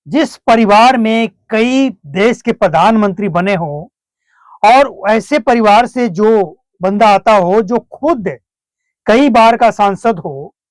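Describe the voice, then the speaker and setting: A man's voice: high-pitched, dry recording. A man commenting on a political clip, lecturing with rhetorical questions. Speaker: news commentator.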